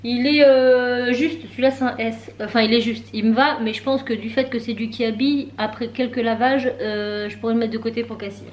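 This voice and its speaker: A woman's voice: a little high, fairly even intonation, fairly quick, hardly any pauses, a little hiss or hum. A woman in her thirties, chatting casually and laughing at herself while she vlogs from her car. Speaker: vlogger. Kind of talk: casual chat vlog.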